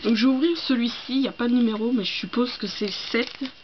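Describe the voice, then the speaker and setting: Young woman vlogger, higher voice, gushing and hesitant, muffled home mic. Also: fast talker. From France. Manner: gushing, excitable, hesitant with fillers. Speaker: book vlogger. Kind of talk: casual unboxing chat. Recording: dull lo-fi home recording with faint hiss.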